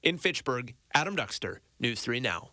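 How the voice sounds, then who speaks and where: A man voicing a TV news report with a slow, deliberate reporter cadence. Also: medium pitch, big pitch swings, pushed and bright, a little hiss or hum. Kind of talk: news package voice-over.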